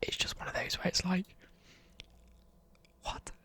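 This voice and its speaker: A young adult ASMR vlogger whispers a casual, enthusiastic music review in a fast, pushed, bright voice. They swear now and then and mutter lyrics under their breath.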